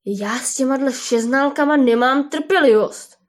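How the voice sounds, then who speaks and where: A woman's voice: a little high, lively intonation, a little mellow, breathy edge. A woman voicing an indignant female llama in a storybook reading, snapping and hissing in anger. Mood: furious.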